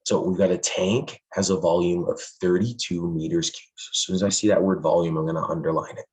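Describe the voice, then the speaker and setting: A man's voice: low voice, fairly even intonation, a little fast, darkish tone, low-quality recording. A male math teacher, losing his voice, explains a lesson in a friendly way and stresses the key points to his students.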